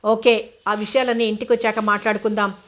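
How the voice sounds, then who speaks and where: A woman voicing a protective older uncle who speaks quietly and warns with care in a storybook reading. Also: medium pitch, flat delivery, fairly quick, close to an everyday voice. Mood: cautioning. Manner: quiet, cautioning. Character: older protective uncle, calm senior officer.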